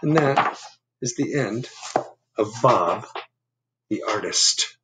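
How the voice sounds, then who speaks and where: In a very noisy recording from a small room at home, a man in his fifties reads a picture book aloud to kids. His fairly low voice is animated and slow, and he pauses for simple, conversational explanations.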